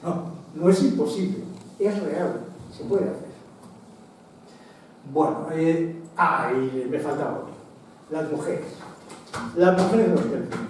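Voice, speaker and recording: Mellow-voiced man lecturing in an echoey hall. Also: fairly high pitch, takes it slowly, long pauses. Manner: conversational, digressive, frequent restarts and asides. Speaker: lecturer on military history. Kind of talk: public lecture with slides. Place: association meeting hall, indoors. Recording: echoey hall, distant mic, faint noise.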